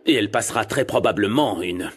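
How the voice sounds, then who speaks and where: An actor playing a calm, businesslike boss, in a dubbed telenovela. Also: male voice, fairly low pitch, breathy edge. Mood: grave. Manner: measured, businesslike.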